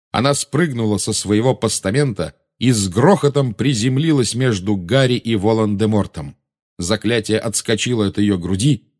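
Low-voiced man narrating an audiobook. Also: a little mellow.

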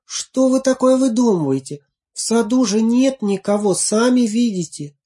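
A woman's voice: a little high, expressive, normal speed, mellow, voice pushed up, close to an everyday voice. A woman voicing a group of fussy village neighbor women in a storybook reading, pleading and fussing.

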